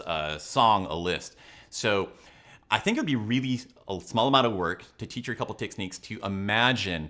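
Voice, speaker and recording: A man's voice: on the low side, pushed and bright. A man presenting analytical commentary to viewers as a coach, with an emphatic, instructional way of talking. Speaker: body language and leadership coach, video host.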